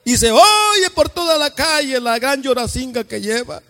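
High gravelly preacher in an echoing church. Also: male voice, big pitch swings, moderate pace. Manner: jokey preaching that swings between intimate asides and sung shouts. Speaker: pastor. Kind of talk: lively evangelical sermon. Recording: echoey church hall.

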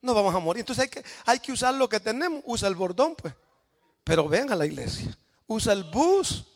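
A man from El Salvador with a Salvadoran Spanish accent, preaching a sermon in a church with shouted, emphatic praise cries. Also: sits high, very animated, brisk.

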